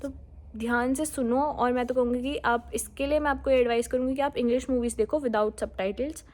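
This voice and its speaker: A woman's voice: fairly high pitch, steady tone, moderate pace, darkish tone. A woman giving casual, friendly exam-prep advice straight to viewers, mixing English words into her talk. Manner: mixes Hindi with English words, friendly and direct.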